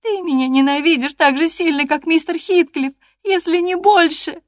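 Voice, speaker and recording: A woman reading an audiobook voices a proud, stubborn young woman who talks in a high, insistent, pleading way. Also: moderate pace, a little mellow, no echo, studio quality, natural voice. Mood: tearful.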